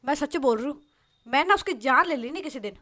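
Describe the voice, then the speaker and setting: Woman playing a fed up young woman ranting loud and high about a rude coworker. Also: expressive, fairly quick. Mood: furious. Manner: loud, exasperated complaining.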